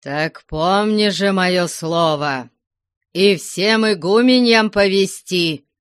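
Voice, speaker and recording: A woman voicing a stern, angry old merchant father who shouts threats at his family in an audiobook. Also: on the low side, slow pace, clear, resonant tone, dry recording, clean studio sound. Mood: threatening.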